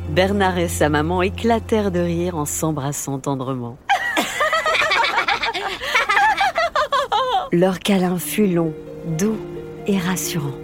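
A woman narrating a children's story in a lilting, expressive way. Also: on the low side, unhurried. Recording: music bed under the voice.

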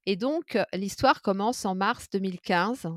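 A woman's voice: medium pitch, moderate pace, dry recording, studio quality. A middle-aged woman telling her life story in an informal conversation, hesitant and full of fillers and tag questions. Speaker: interview guest.

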